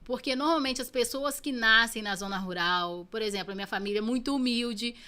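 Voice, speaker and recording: A Brazilian woman in her thirties, guesting on a podcast, tells her own story in an interview, earnest and reflective, repeating phrases for emphasis. Her voice sits on the high side, brisk and sharp-toned, with a Brazilian Portuguese accent.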